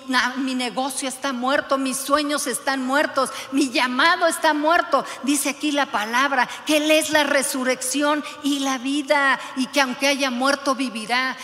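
A woman's voice: high-pitched, a bit bright, big-room sound. A woman pastor preaching a sermon, fervently urging her congregation with direct questions.

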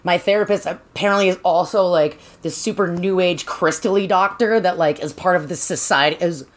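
Rambling young woman podcaster, slightly low. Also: fairly quick, slight background noise. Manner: rambling, filler-heavy, swears casually. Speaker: podcast co-host. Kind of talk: casual chat recapping a story.

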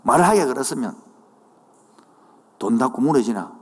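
A male pastor with a Gyeongsang Korean accent preaching a sermon in a church, dropping into dialect asides and building to shouted declarations. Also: medium pitch, lively intonation, moderate pace. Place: church sanctuary. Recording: church hall with long reverb.

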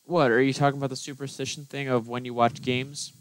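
A man's voice: medium pitch, little pitch movement, fast talker, a little hiss or hum. A man co-hosting a podcast on a headset, trading casual sports banter in a blunt, grumbling way. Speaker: podcast co-host.

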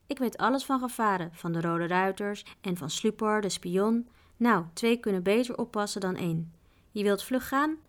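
A woman's voice: medium pitch, moderate pace, close to an everyday voice. A woman reading as an eager pleading boy. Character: eager young boy traveler, pleading, lively.

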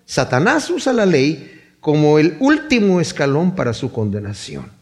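Un hombre que predica un sermón con tono expresivo y narrativo. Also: male voice, fairly high pitch, moderate pace. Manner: expressive, storytelling preacher. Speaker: preacher. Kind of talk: sermon.

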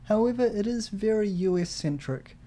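A woman with a New Zealand accent co-hosting a travel podcast, upbeat and quick to laugh. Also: medium pitch, animated, warm tone. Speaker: podcast co-host. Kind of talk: casual review chat.

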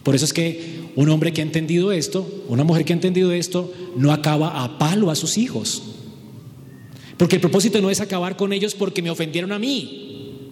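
A man's voice: fairly high pitch, a little fast, darkish tone, soft background music. A man preaching a sermon, asking rhetorical questions and acting out short quotes. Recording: long hall reverb.

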